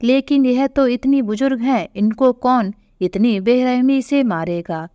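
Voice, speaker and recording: A woman voicing a kind young woman official who gently reassures a frightened old woman in an audio story. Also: a little high, unhurried, clean tone, dry recording, highs cut off, natural voice. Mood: reassuring.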